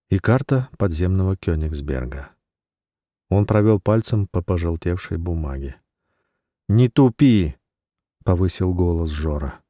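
A man reads a story aloud in a measured audiobook style. His voice is very low and mellow. The recording is dry and close. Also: dry recording. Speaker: narrator. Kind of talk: audiobook narration.

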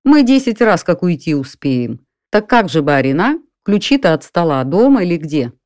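A reader of a story voicing a calm, folksy burglar who talks things over patiently, higher and louder than their narrating voice. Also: no room sound, clean studio sound, close to an everyday voice. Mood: reasoning. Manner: folksy, unhurried, addresses the listener as "барин". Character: calm, reasoning burglar in an apartment.

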